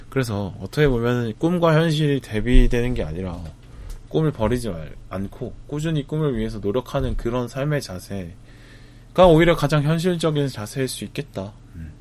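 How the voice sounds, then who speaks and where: A man, talking to camera about a film festival trip in a reflective, casual way, with frequent pauses, fillers and restarts. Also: medium pitch, a little mellow. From Busan, South Korea. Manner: thoughtful, hesitant, many fillers and restarts.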